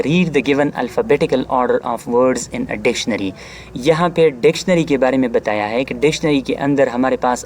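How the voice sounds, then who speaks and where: A man teaching an exam-prep grammar lesson who explains each word and slows down to read English sentences deliberately. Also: medium pitch, darkish tone, slight background noise. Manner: explains each word, often adds "theek hai"; reads English lines slowly and deliberately.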